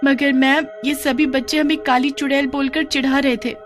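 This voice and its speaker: Young cartoon sisters, woman voicing them, earnest and pleading, lifted pitch. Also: little pitch movement, moderate pace, faint music behind, close to an everyday voice. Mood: defiant. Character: two young schoolgirl sisters, hurt but brave.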